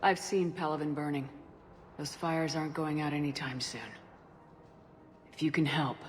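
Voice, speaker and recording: An actress playing a tough, wry military commander in a video game, dry and assertive, with some hall reverb. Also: female voice, low voice, steady tone, moderate pace, slight background noise, close to an everyday voice. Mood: grave.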